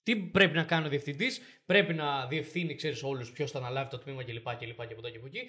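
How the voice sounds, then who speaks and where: A man's voice: mid-range voice, sharp tone. A young man co-hosting a casual podcast, telling stories animatedly and acting out the people in them. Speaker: podcast co-host. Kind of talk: casual chat.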